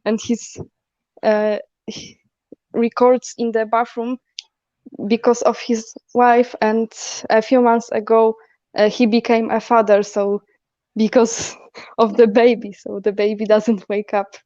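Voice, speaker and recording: Woman, slow and halting, giggly, dull lo-fi call audio, higher voice. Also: flat delivery, dark tone, no room sound. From Poland. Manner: giggly, halting, many fillers. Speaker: guest on a stream. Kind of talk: casual online chat.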